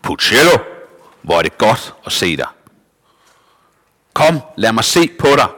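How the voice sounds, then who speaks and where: A man voicing a big, bearded, kindly woodcarver with a deep, strong voice and a gentle, thoughtful manner. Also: sing-song, long reverb tail, full character voice. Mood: warm.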